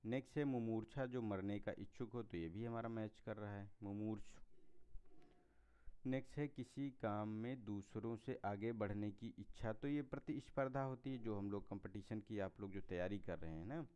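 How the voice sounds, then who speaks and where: A man's voice: on the low side, moderate pace, dark tone, smooth. A man teaching as he walks through exam answers, explaining each one step by step and moving on with set phrases. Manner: explanatory, repeats "theek hai" and "next hai". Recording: slightly dull lo-fi sound.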